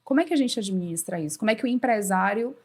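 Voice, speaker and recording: A woman's voice: medium pitch, animated, racing, a little mellow. A woman with a Brazilian accent hosting a podcast, asking follow-up questions and affirming her guest. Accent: Brazilian Portuguese. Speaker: podcast host. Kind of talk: conversational interview.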